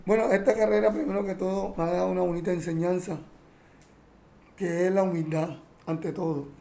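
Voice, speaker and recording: A man's voice: high-pitched, steady tone, fairly quick, gravelly, warm tone. A man, a champeta singer answering interview questions in an earnest, heartfelt way and often correcting himself.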